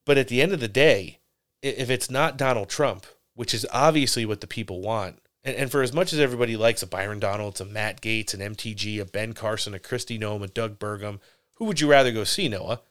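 A man's voice: on the low side, brisk, a bit bright. A man co-hosting a podcast, giving brash, opinionated political commentary and swearing freely. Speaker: podcast co-host.

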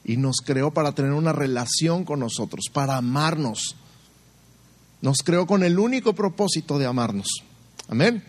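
A man's voice: fairly high pitch, lively intonation, moderate pace. A man preaching a sermon, asking the listener rhetorical questions and acting out short quoted voices.

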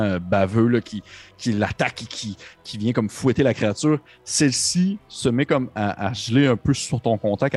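A man's voice: fairly low pitch, darkish tone. A man, narrating a tabletop game as game master in a descriptive way, with frequent hesitations. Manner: descriptive, hesitant with many fillers.

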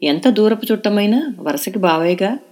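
A woman's voice: medium pitch, lively intonation, normal speed, a little mellow, voice pushed up, close to an everyday voice. A woman voicing a playful, teasing young woman friend in an audio novel.

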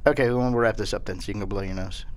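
A man's voice: on the low side, very fast, a little hiss or hum. A man chatting casually as a podcast co-host. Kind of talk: casual chat.

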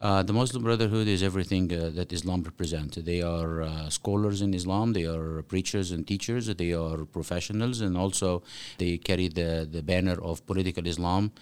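Male guest, deep voice, earnest and halting, podcast interview. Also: steady tone, a little mellow, clean tone. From Egypt. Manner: earnest, many fillers and restarts. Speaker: guest author.

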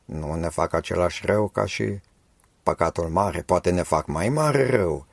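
Earnest male preacher, very low voice, husky, dry close sound. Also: expressive, no room sound. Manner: earnest and exhortative. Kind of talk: sermon.

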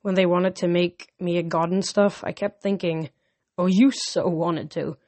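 A man's voice: sits high, fairly even intonation, measured pace, darkish tone. A wry teenage boy hero from a storybook, joking at his own expense, as a young man reads him aloud. The voice is dry and close to the mic, in a small, dead-sounding space with no echo.

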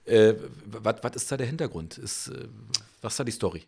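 A man hosts a relaxed interview in a fairly low voice. He keeps stopping on filler sounds and rephrases as he thinks aloud. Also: brisk, creaky, breathy edge. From Berlin. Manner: hesitant, many filler sounds. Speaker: podcast host. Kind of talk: casual interview chat.

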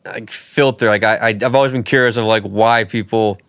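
A man's voice: on the low side, steady tone, fairly quick, a bit bright, clean tone, no echo, studio quality. A man co-hosting a casual podcast chat, rambling and joking with plenty of swearing. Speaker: podcast co-host.

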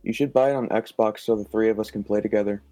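A man's voice: lowish voice, steady tone, fast, mellow, dry recording. A man co-hosting a casual podcast chat, laid-back and speaking mostly in short replies. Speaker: podcast co-host.

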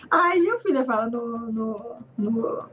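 A woman with a Brazilian Portuguese accent, a podcast guest telling a funny story in an animated, self-mocking way. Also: on the high side, slow pace, lo-fi sound, noisy background. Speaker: podcast guest, comics artist. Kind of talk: casual storytelling.

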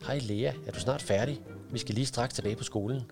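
A man's voice: mid-range voice, over music, natural voice. A man voicing a startled schoolgirl in a read-aloud children's story. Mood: chatty. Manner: breathless, stammering.

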